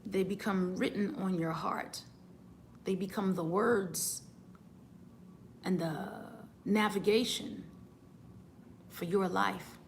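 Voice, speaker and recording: Earnest woman with a gravelly edge. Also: mid-range voice, steady tone, slow pace, long pauses, a little hiss or hum. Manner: earnest, repeats words when starting a thought. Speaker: singer giving encouragement. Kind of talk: motivational talk.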